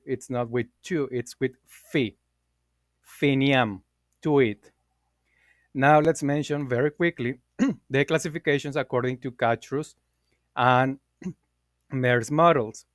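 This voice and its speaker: A man talks through a class presentation at an unhurried pace. His voice is smooth and clear, recorded close and dry. He pauses often on fillers and corrects himself as he goes. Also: mid-range voice, no room sound.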